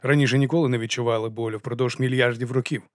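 A man's voice: mid-range voice, steady tone, fast, dry recording, clean studio sound. Man narrating an audiobook. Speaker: audiobook reader. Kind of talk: scripted narration.

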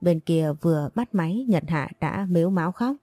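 A woman tells a romance story, voicing every character in nearly the same way. Her voice sits low and sounds mellow. The recording is dry and close, with no room sound. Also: animated, normal speed, no echo. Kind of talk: scripted narration of a romance story.

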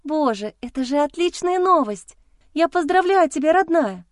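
A woman voicing a supportive adult female friend who speaks in a warm, lively, reassuring way. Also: sits high, normal speed, no echo, clean studio sound, pitched above the performer's own voice.

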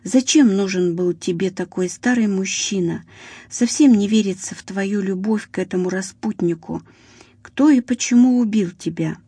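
A woman voicing a good-humored male police investigator in an audiobook, speaking warmly and teasing lightly, in a mellow, husky voice. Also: mid-range voice, moderate pace, dry recording, lightly acted. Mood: pensive. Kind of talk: audiobook reading.

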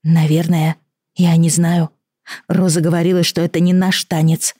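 A steady, practical girl from a storybook, soothing and plain-spoken, just a touch higher than the reader's own voice. A woman reads her, dry and close. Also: moderate pace, husky, no room sound. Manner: soothing, matter-of-fact. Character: calm, practical girl with a bow.

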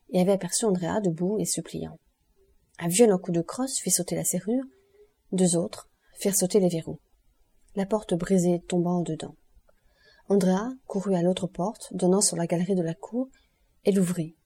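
Casting: woman audiobook narrator, low, mellow, slightly husky voice. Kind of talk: scripted narration.

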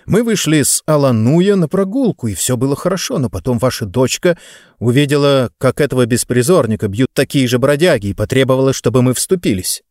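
A man voicing a flustered male guard who apologizes in a hurried way, in an audiobook. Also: medium pitch, animated, a little mellow, no echo, studio quality, lightly acted. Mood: apologetic.

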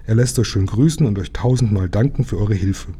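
A man reading aloud, voicing a friendly, proud young mermaid princess in a gentle, earnest way. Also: lowish voice, a little fast, slightly rough.

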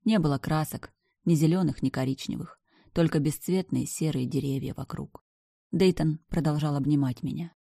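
Woman reading a dark story in first person, low voice, emotional, dry mic. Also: normal speed, vocal fry, dry recording. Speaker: audiobook narrator. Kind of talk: first-person scripted narration of dark fiction.

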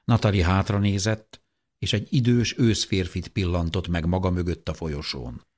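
A man reading an audiobook with steady, measured narration. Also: deep voice. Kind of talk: scripted narration.

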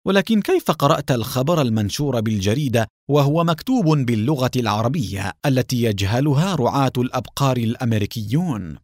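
Brief: earnest young leader, as a narrator voices him, lively delivery, dry recording. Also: male voice, medium pitch, fast talker, dry recording, natural voice. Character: young man, bold leader of a security team.

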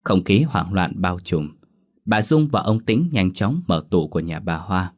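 A man's voice: low voice, very animated, measured pace. A man narrating a horror story dramatically. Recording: faint music behind.

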